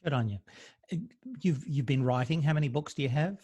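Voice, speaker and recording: A man's voice: mid-range voice, a little fast, warm tone, husky. A man hosting a podcast interview, bantering and joking with his guest. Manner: jokey, playful banter. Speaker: podcast host. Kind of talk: casual interview chat.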